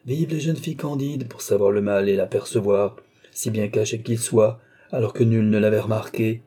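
A man's voice: on the low side, steady tone, moderate pace, mellow, natural voice. A man reading an audiobook, playing a vain, scheming old baron who talks with irony and cool command. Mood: cold. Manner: ironic, coaxing, commanding.

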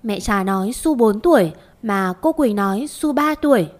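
A woman voicing a timid, sweet four-year-old girl who mumbles softly. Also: mid-range voice, lively intonation, moderate pace, natural voice. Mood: timid childish. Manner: soft, mumbling childish talk.

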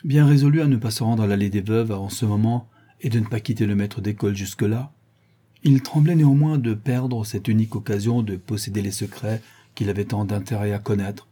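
Low, husky male audiobook narrator. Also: brisk, dark tone.

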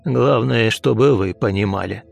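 A man voicing a calm, unshakable old taxi driver who speaks slowly and evenly, gently insistent. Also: fairly low pitch, creaky, soft background music. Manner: slow, even, gently insistent.

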